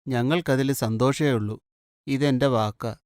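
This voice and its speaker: A man's voice: mid-range voice, fairly even intonation, measured pace, darkish tone, no echo, clean studio sound, close to an everyday voice. A man playing an earnest young man. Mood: heartfelt. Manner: earnest, heartfelt. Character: gentle young man, grateful brother figure.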